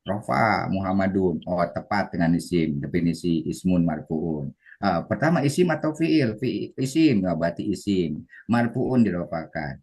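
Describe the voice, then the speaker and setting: Male trainer on a video call, low and husky, lively delivery. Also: moderate pace. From West Java, Indonesia. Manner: animated, acts out students' voices. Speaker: Arabic teacher trainer. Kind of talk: online class lecture.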